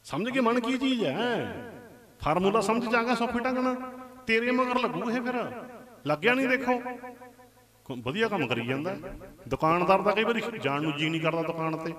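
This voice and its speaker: A man's voice: high voice, expressive, normal speed, fairly bright tone. A man preaching a Sikh religious discourse, explaining with homely examples, repeating set phrases and calling for responses from the congregation. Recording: echoey hall.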